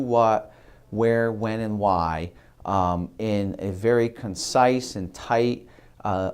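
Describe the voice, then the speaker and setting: A middle-aged man with a fairly low voice teaches a marketing lesson for a video. He talks in halting stretches, filling gaps with ums and uhs and restarting his phrases as he explains. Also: a little mellow, smooth. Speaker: marketing instructor. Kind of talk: instructional video lecture.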